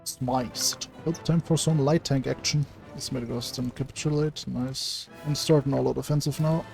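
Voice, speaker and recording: A man's voice: mid-range voice, fairly even intonation, moderate pace, vocal fry, a little mellow, soft background music. A man hosting a let's play, narrating his strategy game moves in a casual, dry way with the odd swear word. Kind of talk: gameplay commentary.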